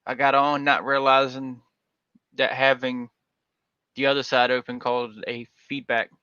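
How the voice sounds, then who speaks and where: Slightly slow and level, this mid-range voice is sharp and clean, with no echo, though the stream audio itself is dull, lo-fi and dry. He's a man from Georgia hosting a casual livestream panel, rambling folksily and using many fillers.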